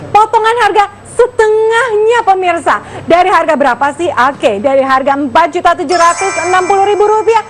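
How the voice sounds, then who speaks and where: A woman hosting a live infomercial, gushing excitedly as she pitches straight to the viewers. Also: brisk, few pauses, a little hiss or hum. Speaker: home shopping host.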